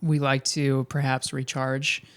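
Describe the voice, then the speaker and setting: A man's voice: mid-range voice, flat delivery, a little slow, a bit bright, smooth. A man hosting a podcast, asking questions and chatting casually with his guest. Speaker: podcast host, interviewer. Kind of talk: casual conversational interviewing.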